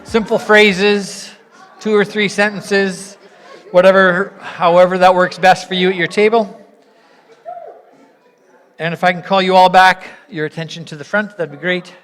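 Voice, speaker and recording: In a big reverberant room, a church leader addresses the congregation unhurriedly, pausing often, with a medium-pitched, fairly bright voice and fairly even intonation. The instructions and reflection come across as encouraging, inviting and explanatory, and the recording has a hall-like echo.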